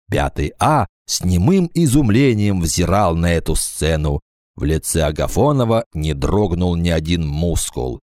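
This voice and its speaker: A man narrating a children's story for an audiobook in a playful, expressive storytelling manner, recorded at home. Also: low voice, no echo, studio quality. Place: home studio.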